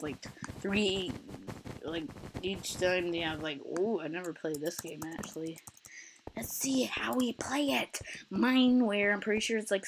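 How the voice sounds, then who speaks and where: Excitable woman gamer who yelps and taunts, recorded over heavy noise and mouse clicks. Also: lowish voice. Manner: yelps, laughs and taunts other players. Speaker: gameplay commentator. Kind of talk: excitable let's-play commentary. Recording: loud background noise with clicking.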